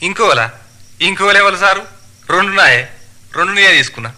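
A man's voice: sits high, animated, normal speed, bright, forceful tone, pitched above the performer's own voice, exaggerated voice. A man voicing a cheeky, smug bus passenger with a Telangana Telugu accent.

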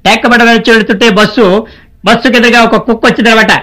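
A man's voice: very high-pitched, level tone, racing, sharp tone. A man playing a drowsy, boastful bus passenger who grumbles and rambles through a story. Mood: grumbling. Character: drowsy, boastful male passenger telling his dream.

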